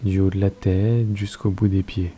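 French male meditation guide, deep and soft-spoken, slow calm delivery. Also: husky. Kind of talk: guided yoga nidra meditation.

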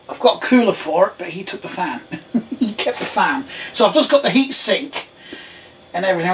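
A man from England in his thirties, a tech vlogger, casually rambles through a tour of computer parts in a small room at home, using many ums. His voice is high and croaky. The recording is rough, taken by a distant camera mic, slightly off-mic with faint room noise.

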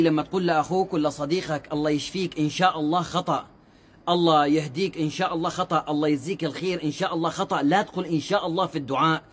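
High, quick-talking preacher man. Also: husky. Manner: earnest, explanatory, quotes scripture at length. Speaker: Islamic preacher. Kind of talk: short religious advice talks.

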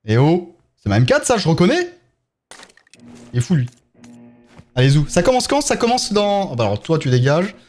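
A man's voice: on the high side, wildly swooping pitch, normal speed, long pauses, a little mellow, soft background music. A young French man streaming a mobile shooter live, chatting with viewers and answering their chat while he plays. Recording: game gunfire faintly behind.

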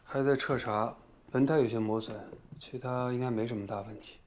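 An actor playing a composed, caring airline executive in a television drama, speaking in a measured, reassuring way. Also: male voice, mid-range voice, fairly even intonation, a little mellow, lightly acted. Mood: concerned. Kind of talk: naturalistic TV drama acting.

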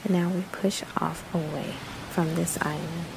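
A woman guides a meditation in a soothing, hushed voice that is low-pitched with fairly even intonation. She speaks in short phrases with breathy endings, separated by long pauses. Background noise is audible.

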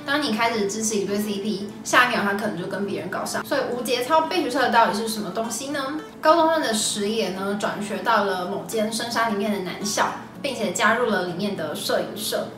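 Hosting a scripted recommendation vlog, a twenty-something woman with a Taiwanese Mandarin accent talks a little fast with hardly any pauses in a medium pitch. She's in a small indoor room with background music playing, and the recording is echoey with a slightly distant mic.

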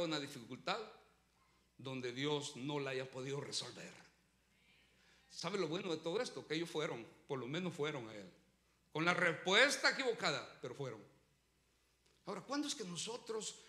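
A pastor preaching a sermon, swinging between loud urgent lines and low quiet ones as he calls his listeners brother. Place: church sanctuary. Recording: echoey church room.

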